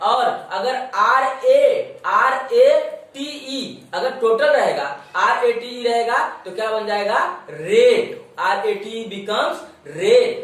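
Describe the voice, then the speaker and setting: Teacher from india spelling english words out real slow, mic kinda far, lots of room echo. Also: medium pitch, fairly bright tone. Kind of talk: spoken English pronunciation lesson.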